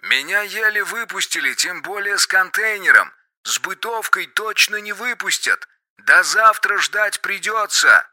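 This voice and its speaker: A man's voice: sits high, animated, a little slow, sharp tone, voice pushed up, exaggerated voice. A man reading an audiobook, voicing a brash male helicopter pilot who talks over a radio handset. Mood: breezy. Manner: brash, dismissive of danger. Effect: heard over a radio handset.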